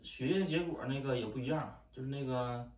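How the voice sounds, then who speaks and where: A man in his thirties with a Northeastern Chinese accent chats casually at home, explaining in short, halting, repetitive phrases. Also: medium pitch, a little mellow. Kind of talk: casual family chat. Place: home living room, standing while holding a baby. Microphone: camera across the room. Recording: echoey living room, distant mic, faint noise.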